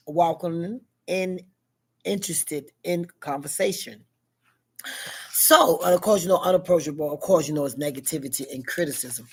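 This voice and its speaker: A vlogger in her sixties chats casually at school in a deep, heavy, husky voice. She rambles, using many fillers and asking herself questions.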